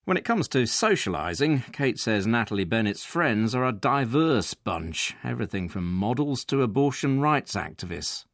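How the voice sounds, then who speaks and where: A man reporter narrating a profile in scripted documentary style, measured and wry. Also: mid-range voice, very animated, no room sound, studio quality.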